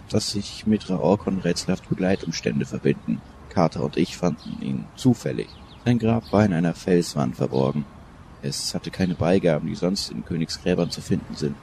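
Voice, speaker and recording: A deep, low old professor who lectures with firm authority. His stern manner carries through this radio play over a faint hiss. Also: darkish tone. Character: stern older male Egyptologist professor.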